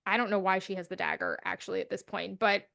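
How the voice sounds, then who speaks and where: A young adult woman co-hosting a podcast, telling a story in casual chat and acting out the quotes with lively swearing. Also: medium pitch, quick pace, creaky, no room sound, studio quality. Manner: animated, acts out quotes, swears freely. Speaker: podcast co-host.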